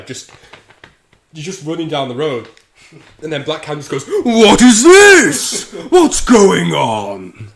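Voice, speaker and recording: A man's voice: medium pitch, echoey room. A man hosting a livestream, bantering crudely and laughing while drinking. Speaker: livestream host. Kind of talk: casual chat.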